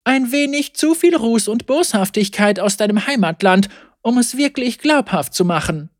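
A stern, cool-headed sheriff woman, read aloud by a female narrator speaks in a calm, mocking, coldly threatening way. Her pitch swings freely as she speaks. It is a storybook reading recorded close and dry. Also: moderate pace, no room sound, lightly acted. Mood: accusing.

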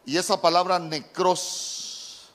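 Male pastor, sermon, deliberate, repetitive, unhurried, fairly high pitch. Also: steady tone, fairly bright tone. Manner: slow, deliberate, repeats key words. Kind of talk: sermon with Bible word study.

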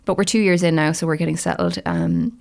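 Creaky-voiced woman with a west of Ireland accent. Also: sits low, very animated, fairly quick, a little mellow. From Galway, Ireland. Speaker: podcast guest, beauty writer. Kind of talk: casual interview chat.

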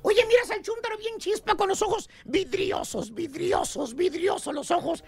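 A man's voice: extremely high pitch, moderate pace, gravelly, faint music behind. A man hosting a radio comedy show, teasing his co-hosts and telling mocking stories full of slang. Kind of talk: comic radio banter.

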